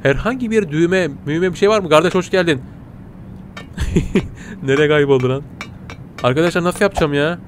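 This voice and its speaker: A man with a somewhat high voice gives playful commentary on a game he is playing. He addresses his viewers fondly, and he squeals and yelps whenever something catches him off guard. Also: moderate pace, long pauses, slight background noise. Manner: excitable, yelps and squeals at surprises, talks to viewers as "kitties". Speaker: gaming channel host. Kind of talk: playful let's-play commentary.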